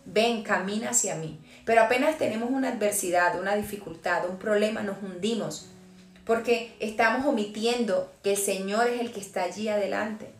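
A woman's voice: mid-range voice, a little fast. A woman preaching a sermon with fervor, taking on the voice of the Lord in quoted passages. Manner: fervent, voicing the Lord's words in quotes. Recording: echoey room with music behind.

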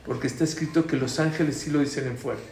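Leading a prayer class, this man talks fast in a mid-range voice, explaining each point and testing his students. His manner is lively: he questions the class and says the key points again loudly. Faint noise can be heard in the echoey room.

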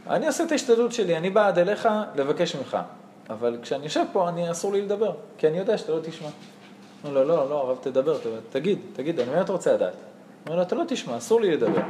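A young man giving a Torah lesson, telling army and rabbi stories with acted-out dialogue and frequent laughter. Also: a little high. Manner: animated, acts out dialogue, laughs often. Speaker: Torah teacher. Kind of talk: lively storytelling lesson. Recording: echoey room with faint noise.

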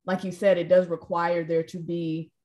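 A woman's voice: fairly low pitch, little pitch movement, moderate pace, darkish tone. Reflective woman podcast host. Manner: conversational, reflective, affirming. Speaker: host, teacher coach. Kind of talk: casual conversation.

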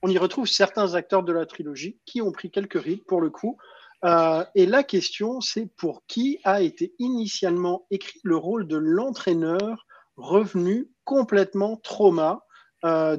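A man's voice: high-pitched, measured pace, darkish tone, highs cut off. A man hosting a casual live stream, chatty and stumbling over restarts while greeting viewers.

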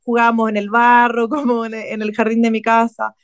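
A woman's voice: fairly high pitch, monotone, moderate pace, smooth, dry recording. A young woman with a Chilean accent, telling a story in casual chat with slang and restarts.

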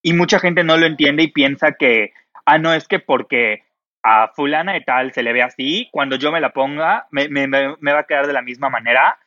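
Bright-voiced man, chatty podcast host. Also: on the high side, normal speed, no room sound, lo-fi sound. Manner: expressive, uses many fillers like "o sea". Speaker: image consultant. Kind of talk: casual podcast chat.

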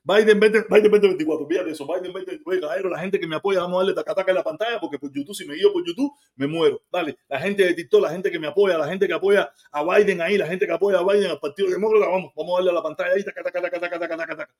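A man with a Cuban accent and a rather high voice, ranting on a live stream. He reads chat comments aloud and answers them in a heated, profane, mocking way. He keeps circling back to the same phrases over and over. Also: fairly even intonation, rapid-fire, few pauses. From Cuba.

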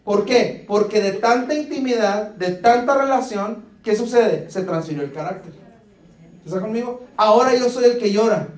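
A man's voice: sits high, moderate pace. A man, preaching as a pastor. He keeps asking the congregation if they follow him, and he acts out little dialogues with humor. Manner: asks the congregation "¿Está conmigo?" again and again. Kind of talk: sermon. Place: church hall. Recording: echoey church hall.

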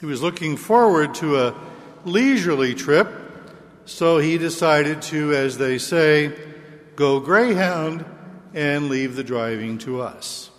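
A man speaking as a priest at a church service, measured and liturgical, his voice carrying a long cathedral echo. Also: on the high side, animated. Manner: slow, measured delivery. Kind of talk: liturgical chanting, Gospel reading and homily. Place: large reverberant church.

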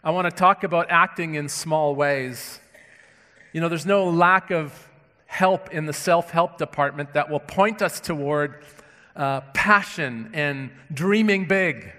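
A man's voice: fairly high pitch, unhurried, pushed and bright. A man with a stuffy nose from a cold, a pastor praying and then preaching a sermon in an earnest, conversational way with frequent restarts. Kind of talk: sermon with opening prayer. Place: church sanctuary. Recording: long reverb of a church hall.

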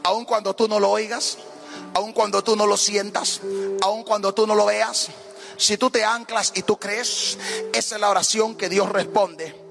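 A man preaching a fervent sermon, his delivery swelling into half-sung phrases. His voice sits very high and is heavily gravelly, with a bright, forceful edge. Faint music plays underneath. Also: steady tone, measured pace. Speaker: pastor.

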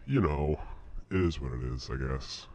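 A man voicing a laid-back old gray man from a video game, with a deep, demonic, pitched-down voice and slow, hesitant talk. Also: animated, warm tone, full character voice. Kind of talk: casual gaming chat in character.

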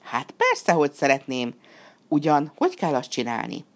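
A woman voicing a naive, eager wooden puppet boy in a storybook reading, talking in an excited, chirpy way. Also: deep voice.

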